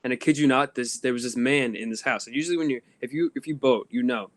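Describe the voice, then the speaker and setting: A man's voice: mid-range voice, fast. A young man co-hosting a casual podcast, telling long rambling stories full of ums and laughs. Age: young adult. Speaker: podcast co-host. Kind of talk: casual chat. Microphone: phone.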